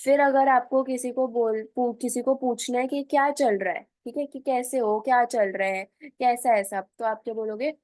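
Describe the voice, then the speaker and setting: A woman with a slightly high voice teaches a spoken English lesson, recorded close and dry with no room sound. She explains in casual Hindi and pronounces each English example phrase slowly and deliberately. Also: steady tone, a little mellow, no echo.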